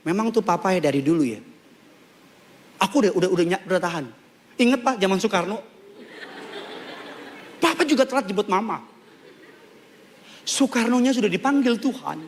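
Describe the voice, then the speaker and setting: A man's voice: high-pitched, lively intonation, moderate pace, pauses often, slight background noise, pitched below the performer's own voice. A man playing a nagging middle-aged wife who complains to her husband and dredges up old grievances.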